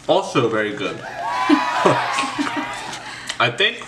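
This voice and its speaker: A young man, the host's younger brother, tasting baked goods and joking in a laid-back way. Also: medium pitch. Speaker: guest taste tester. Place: home kitchen. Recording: echoey kitchen, loud background noise.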